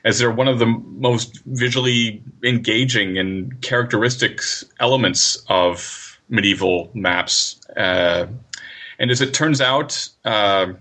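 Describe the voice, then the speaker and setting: Low, bright-voiced man, scholarly guest. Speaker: guest researcher and writer. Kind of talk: explanatory interview talk.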